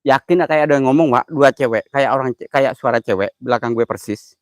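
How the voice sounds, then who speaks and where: A man's voice: mid-range voice, fairly quick, no echo, studio quality. A man, hosting a ghost-hunting livestream outdoors at night, joking nervously and calling out viewers by name. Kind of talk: casual live commentary.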